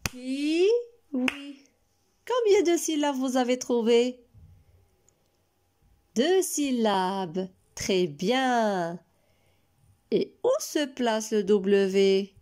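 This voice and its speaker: A woman teacher giving a recorded lesson to young children, spelling out letters and syllables slowly and praising often. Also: fairly high pitch, animated, darkish tone. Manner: slow and carefully spelled out, encouraging. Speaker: preschool teacher.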